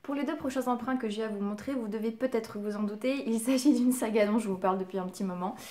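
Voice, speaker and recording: A woman's voice: on the high side, fast talker, mellow. A woman casually chatting through a book haul, enthusiastic and full of hesitations and little fillers. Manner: enthusiastic, giggly. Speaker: book vlogger.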